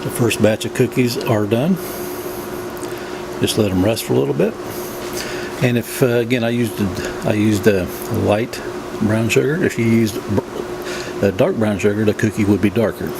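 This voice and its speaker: Narrating a cooking demonstration in his own kitchen, this down-to-earth man has a lowish, creaky voice and an unhurried, moderate delivery. There's constant room hum and noise behind him.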